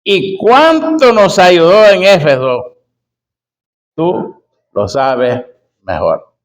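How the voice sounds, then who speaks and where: Pastor guy, slow sermon, repeats lines for emphasis, calls folks brother. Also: high voice, big pitch swings, low-quality recording. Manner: emphatic, repeats key phrases slowly; addresses listeners as brother and sister. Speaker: preacher.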